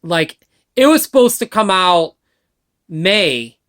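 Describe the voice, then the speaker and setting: A woman vlogging casual opinion chat, excitable and gushing, swearing casually, filmed on a webcam or phone. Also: lowish voice, slow pace.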